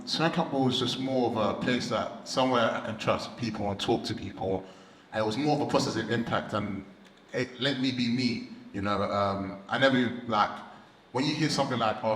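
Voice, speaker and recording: A young man talks casually on stage about himself. His voice sits a little low and echoes through a slightly noisy hall. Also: a little fast, a bit bright. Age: young adult. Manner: casual, informal. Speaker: youth programme graduate, snowboard instructor. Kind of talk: informal personal testimony on stage. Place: large event hall, on stage. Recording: echoey hall, background noise.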